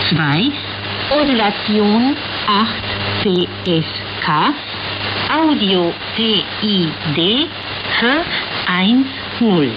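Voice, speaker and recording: A woman radio announcer slowly reading out broadcast frequencies and schedules, heard over fading shortwave radio reception. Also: medium pitch, dull audio, heavy background noise. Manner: slow, deliberate reading of numbers.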